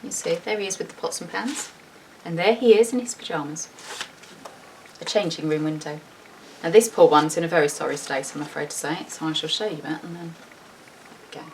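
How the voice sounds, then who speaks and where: Speaking a little fast but with long pauses, a teacher with a low-sitting voice reads a storybook to children. She reads expressively and makes informal, chatty asides while showing the illustrations. The mic is far from her, and faint background noise is present.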